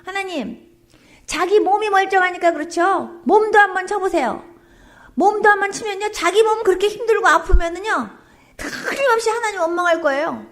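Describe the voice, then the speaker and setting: A woman's voice: very high voice, normal speed. A woman preacher voicing a sly devil who pleads and bargains with God, wheedling as she tells the story.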